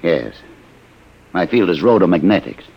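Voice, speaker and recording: An actor playing a courteous, weary old refugee inventor in a radio science fiction drama, with a gravelly, husky voice. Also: male voice, sits low, very animated, moderate pace, darkish tone, full character voice. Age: older.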